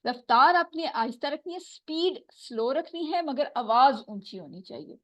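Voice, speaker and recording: A woman teaching Quran recitation, patiently explaining and slowly repeating sounds to demonstrate them. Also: high-pitched, animated, dry recording. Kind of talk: tajweed lesson.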